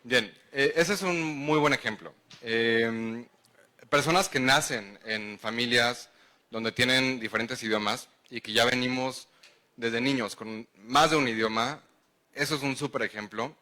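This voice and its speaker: A man's voice: medium pitch, a little slow, bright, forceful tone. A man with a Mexican accent giving a public lecture, engaging the audience with questions. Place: lecture hall.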